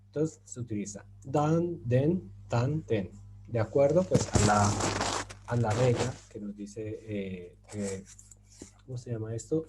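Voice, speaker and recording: A man's voice: medium pitch, noisy background. A man giving an online grammar lesson, explaining patiently with many fillers and asking his students if they follow. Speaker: Turkish teacher.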